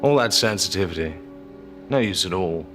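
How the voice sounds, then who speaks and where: A cynical upper-class Englishman in a period television drama. His voice is fairly low, his delivery dry and disdainful. Music plays clearly behind him. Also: animated, moderate pace. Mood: dry, dismissive.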